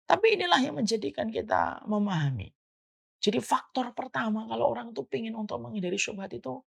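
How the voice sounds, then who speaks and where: Gravelly, animated preacher man. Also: sits high. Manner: animated, rising and falling delivery with rhetorical questions. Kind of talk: religious lecture.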